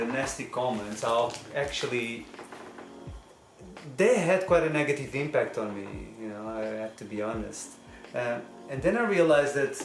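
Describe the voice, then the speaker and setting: A man hosting as a teacher, chatting casually and reading comments aloud in an earnest, emphatic manner with rhetorical questions. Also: mid-range voice. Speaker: massage teacher and channel host. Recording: echoey room with background music.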